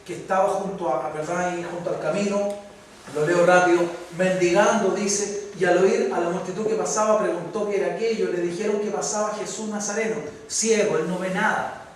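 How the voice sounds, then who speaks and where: A Chilean man preaching a sermon as pastor, his voice rising to loud, fervent peaks. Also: sits high, fairly even intonation, brisk. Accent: Chilean Spanish. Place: church hall. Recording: echoey hall from far off, faint noise.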